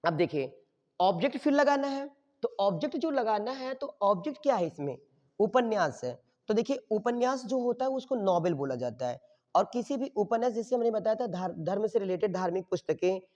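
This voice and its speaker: A male teacher with a high, sing-song, fairly quick and slightly mellow voice explains grammar to his class, posing questions and answering them himself. He checks in with "okay?" after each step, and the recording sounds dull and muffled with long reverb.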